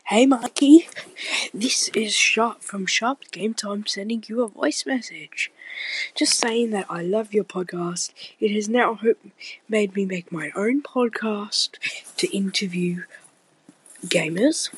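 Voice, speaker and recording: A woman's voice: medium pitch, takes it slowly, husky, poor audio. A woman from Australia leaving a friendly, half-whispered voice message as a listener and fellow podcaster, played back on the show. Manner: friendly, short sign-off. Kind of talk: recorded voice message.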